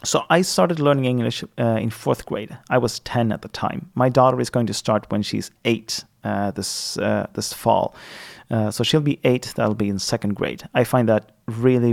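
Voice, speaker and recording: A linguistics student from Sweden, a man in his thirties, speaks English as a second language with a Swedish accent in a low, gravelly, darkish voice. His casual monologue is hesitant and riddled with fillers and restarts.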